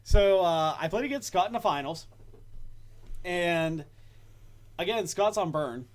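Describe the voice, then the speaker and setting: A man's voice: high voice, expressive, unhurried. A man hosting a casual podcast, telling stories with frequent laughter. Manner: storytelling, laughs often. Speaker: podcast host. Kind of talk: casual chat.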